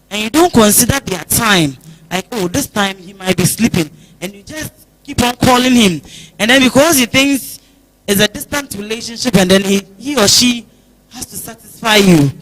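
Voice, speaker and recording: A woman's voice: medium pitch, rough recording. A woman with a Ghanaian accent, a guest on a church talk show, giving earnest advice and acting out small phone chats. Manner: earnest, advising, acts out little phone chats. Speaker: guest speaker.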